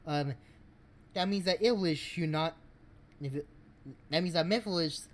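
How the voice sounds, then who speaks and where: A man streaming, giving casual game commentary in a rambling, halting way. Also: a little high.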